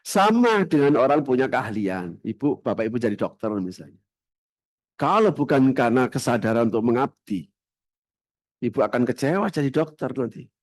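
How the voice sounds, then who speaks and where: A middle-aged man with a Javanese accent preaching a sermon in a mosque and telling stories, swinging between loud outbursts and hushed asides. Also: medium pitch, moderate pace, dry recording. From Java. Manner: storytelling with animated shifts between loud and hushed.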